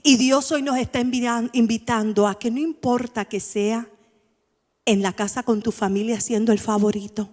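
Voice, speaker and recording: A woman preacher with a high, bright-pitched voice delivers an emphatic sermon and keeps turning to the congregation with rhetorical questions. Her words ring out with a long reverb from a large church hall. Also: steady tone, normal speed.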